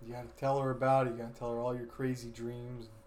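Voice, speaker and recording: A laid-back man hosting a casual podcast, sounding tired. He talks at an ordinary middle pitch, swears freely and hums bits of songs. A faint hiss sits under the voice. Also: level tone, fast, darkish tone. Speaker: podcast host. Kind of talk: casual chat.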